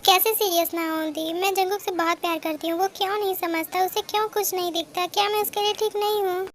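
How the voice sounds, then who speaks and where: A woman's voice: extremely high pitch, steady tone, a little fast. A woman voicing a heartbroken, lovesick young woman who pleads through tears in a fan audio drama. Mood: lovesick, hurt. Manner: pleading, emotional delivery.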